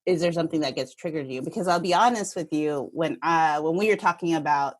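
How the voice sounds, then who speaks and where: A woman host from Northern Kentucky, chatty and quick to laugh, asking long, winding questions in a podcast interview. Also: deep voice. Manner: warm, chatty, laughs easily, asks long rambling questions.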